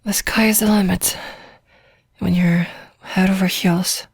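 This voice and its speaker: Woman for ASMR role-play, sleepy long-distance girlfriend: tender, drowsy, rambling, flat gentle intonation, very dry close sound. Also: medium pitch, gravelly, breathy edge, no room sound. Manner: soft, drowsy, intimate, rambling with pauses.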